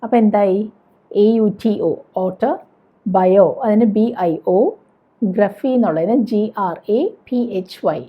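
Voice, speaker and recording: Speaking slowly in a medium-pitched voice, a woman gives a patient spoken-English lesson, spelling out words one letter at a time and questioning the viewer. The recording is dull and lo-fi.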